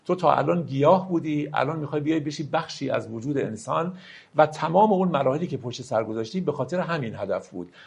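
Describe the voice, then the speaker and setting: Gravelly man teaching poetry. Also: fairly high pitch, expressive, darkish tone. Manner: reads verses slowly and drawn out, explains in quick asides. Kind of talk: lecture with slow poetry recitation.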